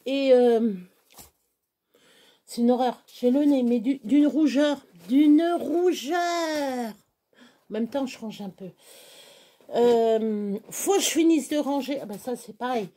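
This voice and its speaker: A woman's voice: fairly high pitch, slow, long pauses, mellow. Chatty, exasperated French woman vlogging. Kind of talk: casual chat to camera. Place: at home, moving around.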